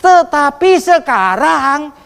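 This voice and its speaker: A preacher voicing a stern old male prophet delivering a slow, solemn judgment. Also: very high voice, very animated, gravelly, a bit bright, long reverb tail, pitched above the performer's own voice, exaggerated voice.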